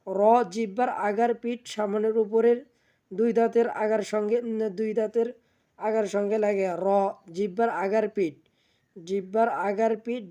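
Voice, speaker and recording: A woman teaching how to pronounce Arabic letters, slowly, repeating each sound several times. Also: medium pitch, dark tone. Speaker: Quran teacher. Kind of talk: step-by-step pronunciation lesson.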